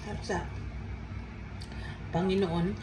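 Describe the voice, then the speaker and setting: A woman's voice: medium pitch, steady tone, extremely slow. A woman from the Philippines with a Filipino accent, chatting casually as she eats with her mouth full, like an eating show host. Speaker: vlogger showing a meal. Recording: echoey room, clearly noisy background.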